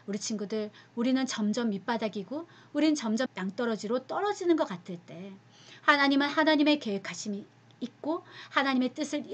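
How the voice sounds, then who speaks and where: A woman teaching a youth group, telling a Bible story as a sermon; she speaks animatedly, asks the listeners questions and drops to a whisper at times. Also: on the high side.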